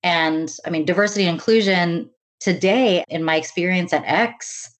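Her voice sits on the low side as this U.S. woman, earnest and measured, describes leading diversity and inclusion in a conversational interview. "Really" and "kind of" come up often.

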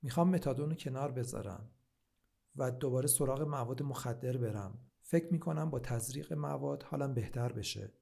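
A man voicing a troubled, ashamed male patient in a read-aloud story, speaking quietly and shakily. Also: mid-range voice, vocal fry. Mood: shaky. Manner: quiet, shaky voice. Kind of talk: storybook reading.

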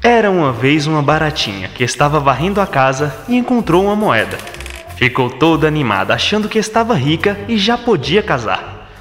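A man narrating a scripted children's story in an expressive, theatrical way. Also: fairly high pitch, fairly quick. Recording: echoey, long reverb, music behind.

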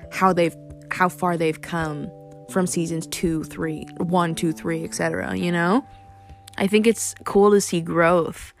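A young woman hosting a casual solo podcast, rambling with lots of fillers and casual swearing. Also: lowish voice. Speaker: podcast host.

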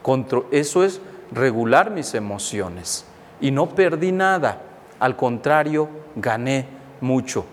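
A man, a Franciscan friar, gives a slow, reflective sermon on scripture and acts out inner dialogues as examples. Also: mid-range voice, animated, in a large hall, a little hiss or hum.

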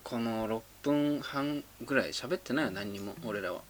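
A man co-hosting a podcast, teasing his friend in casual chat. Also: medium pitch. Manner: teasing, quick retorts. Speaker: podcast co-host.

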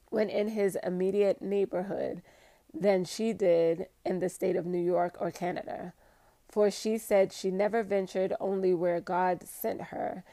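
A woman hosting an episode, reading a history book aloud and breaking off for excited, chatty asides, sometimes stumbling over hard words. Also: lowish voice, no room sound.

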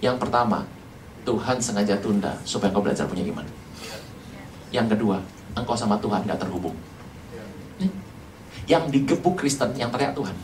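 Preacher, lively joking sermon style, big pitch swings, roomy hall sound from a distance. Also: slight background noise. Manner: animated, rhetorical questions to the congregation, jokes.

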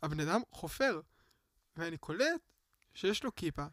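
Guest storyteller, male, higher-pitched voice, rambling and casual, acts out quotes, dry close sound. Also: very animated, dry recording. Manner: rambling, full of filler words, acts out shouted quotes. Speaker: guest telling personal stories.

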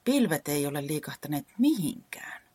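A woman voicing an eager, cheerful young fox in a children's story, chirpy and quick with ideas. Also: low voice, big pitch swings, mellow, breathy edge, no echo, heavily acted. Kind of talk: storybook character voice.

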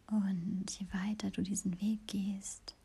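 A woman hosting a podcast, whispering a slow, soothing guided meditation. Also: medium pitch, little pitch movement, creaky, warm tone, slightly rough.

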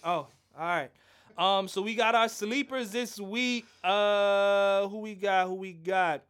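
High-pitched guy teasing his cohost, loose and chatty, sports banter. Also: unhurried, a bit bright. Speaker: fantasy football podcast co-host. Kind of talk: casual sports chat.

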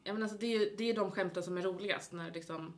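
A woman with a Stockholm accent chatting casually and jokingly as a podcast co-host. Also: medium pitch.

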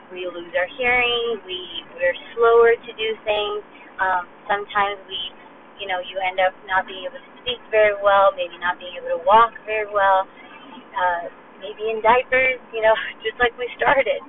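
Young woman, heartfelt rambling vlog, tinny phone-like sound, far from the mic, car noise behind. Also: mid-range voice. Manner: earnest and rambling, many fillers and restarts. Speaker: vlogger, new mother. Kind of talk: heartfelt personal monologue.

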